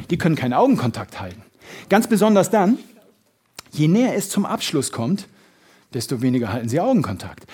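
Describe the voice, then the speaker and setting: A man giving a motivational sales seminar, lively and full of emphasis, acting out little everyday scenes. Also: sits high, breathy edge. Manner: lively, shifts loud and soft for emphasis, acts out little scenes. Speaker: sales trainer.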